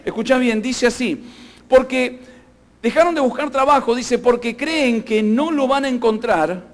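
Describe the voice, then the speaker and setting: A man's voice: very high-pitched, unhurried. A man preaching a sermon, emphatic and constantly asking the congregation questions. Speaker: pastor.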